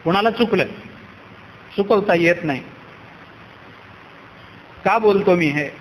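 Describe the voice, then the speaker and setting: Male Marathi preacher, very high voice, storytelling sermon in a reverberant hall with faint noise. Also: slow. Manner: acts out characters in a story, rhetorical questions. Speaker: Warkari kirtan preacher.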